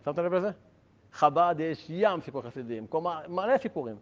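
The speaker is a male Torah teacher with a somewhat high voice who is animated and fond of joking. He banters with listeners and asks rhetorical questions, heard on a dull lo-fi recording.

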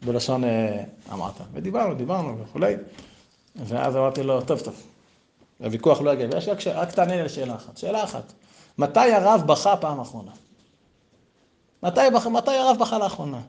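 Emphatic middle-aged rabbi teaching Torah. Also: male voice, expressive, creaky, long pauses, darkish tone. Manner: emphatic, asks rhetorical questions, voice jumps high on key points. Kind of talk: Torah lesson with stories.

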